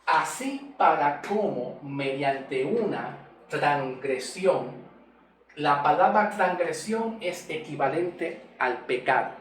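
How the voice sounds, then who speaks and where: A man teaching scripture slowly at a whiteboard, repeating and spelling out key words. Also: fairly high pitch, a little hiss or hum. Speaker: Bible teacher. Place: room with a whiteboard. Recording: echoey room, mic far off.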